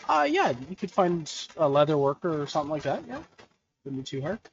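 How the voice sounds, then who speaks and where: A man running a tabletop game as game master, talking in a relaxed, conversational way with frequent restarts. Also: fairly high pitch, brisk, muffled recording, slight background noise. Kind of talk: narrating a tabletop game over voice chat.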